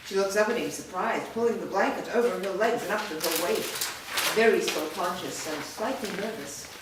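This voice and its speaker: A woman gives a steady, matter-of-fact staged reading of a screenplay's scene directions. She speaks on the low side at a moderate pace, with background noise, and sounds far off in an echoey room.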